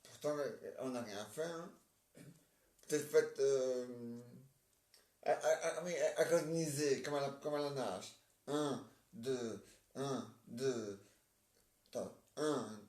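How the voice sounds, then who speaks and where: A man acting out a comic play and switching between roles, halting and stammering as he repeats his words. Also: medium pitch, darkish tone. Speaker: amateur stage performer. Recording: roomy, distant mic.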